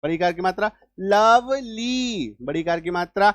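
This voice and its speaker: In a classroom-style spelling lesson, a man with a high, steady voice covers English spelling rules at a quick pace. He goes over points repeatedly and frequently checks whether the students understand. The recording has no room sound.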